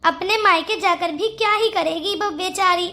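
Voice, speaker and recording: A fussing cartoon mother who scolds and frets. Her voice is very high and ringing. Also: normal speed, sharp tone, exaggerated voice. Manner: fussy, scolding. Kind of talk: cartoon voice acting.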